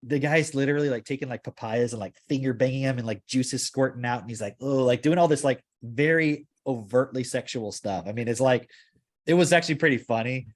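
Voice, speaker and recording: A man's voice: medium pitch, brisk. A man hosting a casual podcast discussion, rambling and filling his talk with "like" as he works through his points. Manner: rambling, heavy use of "like". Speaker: podcast host.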